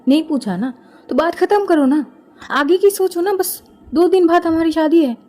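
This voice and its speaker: A woman's voice: fairly high pitch, lively intonation, normal speed, mellow. A woman voicing a pushy, hot-tempered young fiancé. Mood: insistent. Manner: irritated, insistent, raises his voice. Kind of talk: storytelling with character voices.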